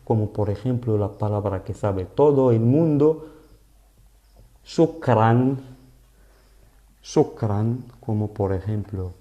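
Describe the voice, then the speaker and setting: A man teaching a live online lesson in Spanish, explaining slowly and patiently and often checking that his students follow. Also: lowish voice, dark tone, muffled recording. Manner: slow, patient explaining with frequent "¿vale?" checks. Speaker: Arabic teacher.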